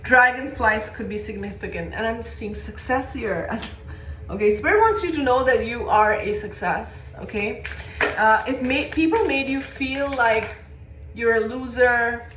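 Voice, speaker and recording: A woman's voice: fairly high pitch, measured pace, fairly bright tone, roomy sound, slight background noise, poor audio. A woman giving a live tarot reading to viewers, repetitive and reassuring, often checking in with "okay?". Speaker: psychic tarot reader. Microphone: livestream setup.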